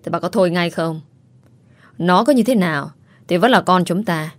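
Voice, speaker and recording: A woman's voice: lowish voice, moderate pace, dry recording, close to an everyday voice. A woman voicing a stern, weary middle-aged father who scolds his household, in a storybook reading.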